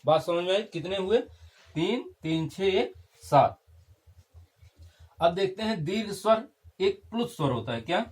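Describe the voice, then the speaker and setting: A man's voice: sits high, lively intonation, unhurried, long pauses. A young man teaching a Hindi grammar lesson, repeating key terms and checking in with his class.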